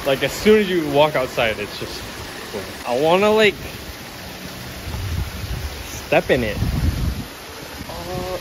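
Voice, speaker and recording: Lively young man vlogging casually. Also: fairly high pitch, takes it slowly, pauses often, background noise. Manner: rambling, full of "like" fillers. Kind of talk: casual vlog chat. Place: beach resort, outdoors and by a pool.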